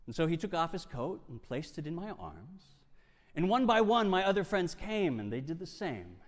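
A man performing a first-person dramatic monologue, swinging from hushed lines to loud bursts. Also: a little high, big pitch swings, normal speed. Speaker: storyteller. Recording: long hall reverb.

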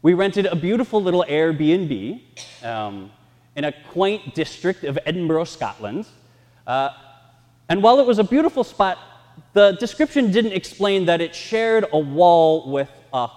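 High, animated pastor with cathedral echo. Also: male voice, a little slow. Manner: lively, self-mocking storytelling. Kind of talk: sermon with personal stories. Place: large church sanctuary. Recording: long reverb in a church hall.

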